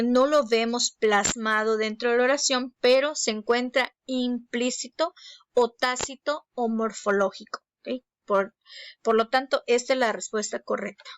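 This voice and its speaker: A woman's voice: a little high, dry recording. A woman teacher, going through exam answers and explaining each one, with filler words like "eh" and "este". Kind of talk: exam review lesson.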